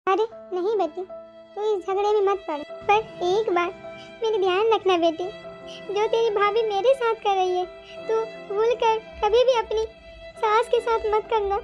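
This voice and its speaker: A woman voicing a gentle, caring older mother in a cartoon, speaking softly and giving advice. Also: very high voice, fairly even intonation, a little slow. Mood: advising. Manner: soft, advising, lamenting. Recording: slightly dull, music behind.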